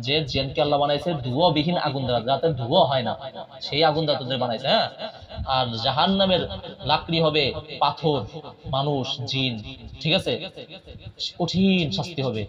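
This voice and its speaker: A man's voice: medium pitch, highs cut off. A man working as an exorcist faith healer, speaking in an insistent, confrontational and preaching way. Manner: confrontational, insistent repeated questioning. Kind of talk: loud ritual interrogation and preaching.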